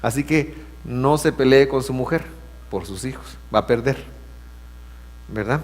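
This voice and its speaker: A male pastor preaching a sermon, moving between quiet asides and loud, emphatic passages. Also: medium pitch, a little slow, long reverb tail, soft background music.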